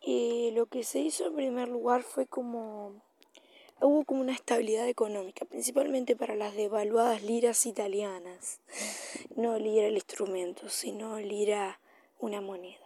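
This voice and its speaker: A woman's voice: fairly high pitch, warm tone, dry recording. A woman from Latin America hosting an informal solo podcast, improvising her commentary in a hesitant, self-correcting way. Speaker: podcast host.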